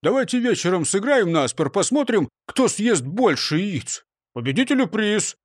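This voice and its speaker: A man's voice: high voice, very animated, normal speed, no room sound, clean studio sound, pitched above the performer's own voice. A man reading a storybook and voicing a greedy, cowardly male robber who whines and frets. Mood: glum. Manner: whiny and fearful.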